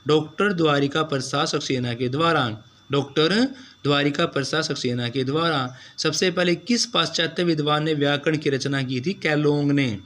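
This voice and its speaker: A male teacher works through exam questions with a voice pitched a little high for a man. He asks each question, answers it himself, then repeats the answer. He keeps speaking directly to his students. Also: steady tone, normal speed, a bit bright, a little hiss or hum. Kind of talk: exam-prep lecture.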